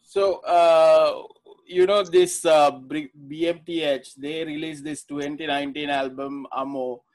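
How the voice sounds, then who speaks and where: Slightly high-voiced male podcast host. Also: fairly even intonation, measured pace, darkish tone. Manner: restarts questions, frequent listening sounds. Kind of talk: casual interview chat.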